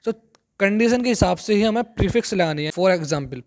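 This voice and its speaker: A man teaching a chemistry lesson, explaining step by step, repeating key terms and reading English textbook lines slowly. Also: high-pitched, lively intonation. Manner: addresses viewers as friends. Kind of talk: classroom lecture.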